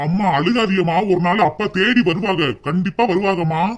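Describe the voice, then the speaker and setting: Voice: mid-range voice, noisy background, natural voice. A performer voicing a concerned grown son with a southern Tamil accent, pressing his mother with questions. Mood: consoling. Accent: southern Tamil, Tirunelveli. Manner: brisk, pleading questions. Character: concerned grown son, man of the village house.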